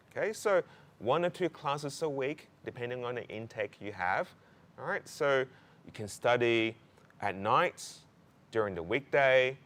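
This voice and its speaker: A man with a medium-pitched, slightly bright voice presents a law program to prospective students. His talk is informational yet conversational and emphatic, sprinkled with short tags like "right" and "okay."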